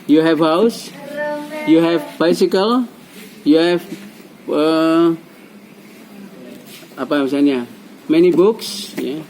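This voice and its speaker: A man's voice: fairly high pitch, very slow, long pauses, a little mellow, slight background noise, low-quality recording. A man with an Indonesian accent teaching an English class, patiently repeating and coaxing his students. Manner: patient, repetitive, coaxing explanations.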